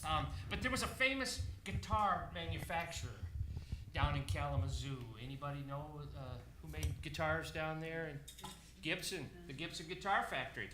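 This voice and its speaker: A man's voice: a little high, lively intonation, normal speed, background noise. A man chatting casually between songs at a library show, rambling and correcting himself as he goes. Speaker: band member introducing songs. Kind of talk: casual stage banter. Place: library performance room. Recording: echoey room with live music.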